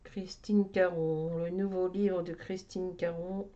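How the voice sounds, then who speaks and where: Slow, mellow French-speaking woman vlogger. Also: lowish voice, flat delivery, muffled recording. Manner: rambling, talks to herself while searching. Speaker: craft vlogger. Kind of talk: casual show-and-tell chat.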